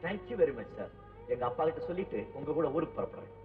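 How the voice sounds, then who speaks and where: A man's voice: fairly high pitch, very animated, a little fast. An actor playing an eager young male doctor with a cheeky, teasing way of talking. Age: young adult. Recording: tinny far-off old film soundtrack with music.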